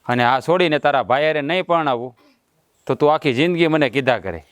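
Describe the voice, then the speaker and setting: Guy playing a village husband, boastful, smooth voice, fairly high for a man. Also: animated, brisk, dry recording, natural voice. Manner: boastful, swaggering, blustering. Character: proud blustering village husband, middle-aged.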